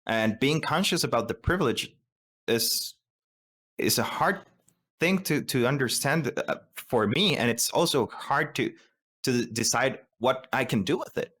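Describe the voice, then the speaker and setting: A man's voice: mid-range voice, animated, measured pace, fairly bright tone, breathy edge. A man from Rica, co-hosting a podcast and talking thoughtfully, often stumbling and restarting as he searches for words. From Costa Rica. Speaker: co-host. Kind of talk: podcast discussion.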